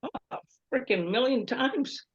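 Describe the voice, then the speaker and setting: A woman's voice: sits high, a little slow, highs cut off. A woman telling a story in a casual group chat, laughing often and acting out what people said. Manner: chatty storyteller, laughs often, acts out quotes. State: prone to coughing. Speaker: group member.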